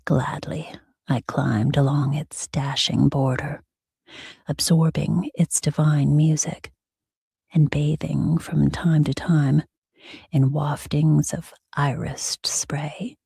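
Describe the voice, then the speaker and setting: A woman reading as a sleep story narrator in a hushed, soothing, breathy ASMR whisper with soft pauses. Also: low voice, fairly even intonation, dry recording, clean studio sound.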